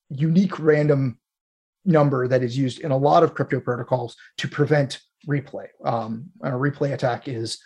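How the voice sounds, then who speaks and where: This host's mid-range voice has a darkish, slightly rough tone. He works through technical content in a casual, explanatory manner, reasoning aloud along the way.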